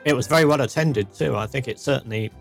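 An English man co-hosts a podcast, chatting casually and cracking jokes with fillers scattered throughout. His voice is medium in pitch, fast and creaky, with faint music playing behind him.

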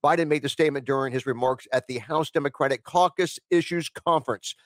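A man's voice: fairly high pitch, fast, dry recording. Man hosting talk radio, rambly with lots of uhs, dry booth sound. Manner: rambling, many fillers, reads news aloud. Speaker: talk show host. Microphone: studio microphone.

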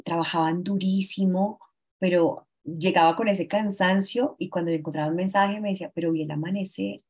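A woman in her forties, a guest telling a painful personal story in an earnest, halting way, often restarting her sentences. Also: lowish voice, steady tone, a little mellow, husky. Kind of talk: emotional personal account.

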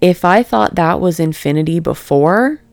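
A woman giving a reflective spiritual talk in a calm, near monotone voice, halting and searching for words with many fillers. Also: lowish voice, gravelly, dry recording. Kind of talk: reflective spoken meditation talk.

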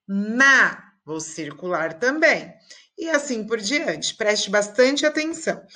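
A woman's voice: mid-range voice, expressive, a little slow, fairly bright tone. A woman teacher giving a recorded lesson to young children, speaking patiently in a sing-song way and drawing out syllables for them to repeat.

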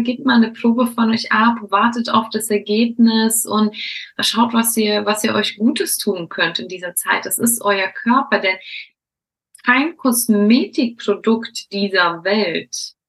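A woman's voice: mid-range voice, vocal fry, a bit bright, husky, poor audio. A young woman hosting a podcast interview, asking questions and cheerfully encouraging her listeners. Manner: upbeat, encouraging, addresses listeners as a group. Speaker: podcast host.

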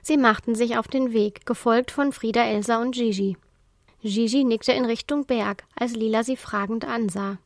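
Woman reading a kids story, kinda high voice, dry close mic. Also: moderate pace, no room sound. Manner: calm, storytelling. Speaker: narrator.

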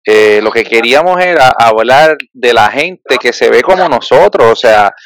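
A man's voice: medium pitch, expressive, normal speed, fairly bright tone, dry recording. A man with a Puerto Rican Spanish accent hosting a podcast, speaking passionately and colloquially. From Puerto Rico. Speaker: podcast host. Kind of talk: podcast conversation.

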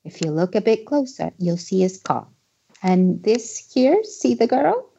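A man's voice: high voice, big pitch swings, unhurried, vocal fry, mellow, breathy edge, dull audio, voice pushed up, full character voice. A man voicing an eager, wheedling scruffy male thug.

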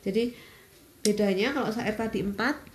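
A woman's voice: medium pitch, normal speed, darkish tone, slight background noise. Woman, 40s, patient step-by-step explainer, informal answers, roomy echo. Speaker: interviewed mother explaining a school lesson.

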